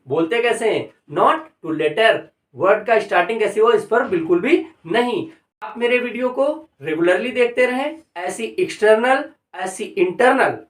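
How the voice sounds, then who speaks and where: A man's voice: high voice, a bit bright. Middle-aged man as online English teacher, patient and repetitive, recorded far off in a roomy space. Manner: explains step by step, repeats examples slowly. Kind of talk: online grammar lesson. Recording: echoey room, far from the mic.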